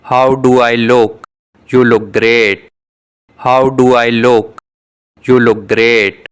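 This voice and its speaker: With a clean, mid-range voice and little pitch movement, a man reads short beginner English dialogues meant for shadowing practice. He says every exchange twice, keeping his delivery measured and his articulation careful.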